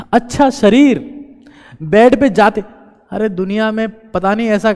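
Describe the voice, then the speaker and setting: A man's voice: sits high, a little mellow. A man giving a motivational talk to viewers, urging them on and repeating his key phrases. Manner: exhorting, repeats key phrases, mixes in English. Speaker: motivational speaker. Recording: long reverberant echo.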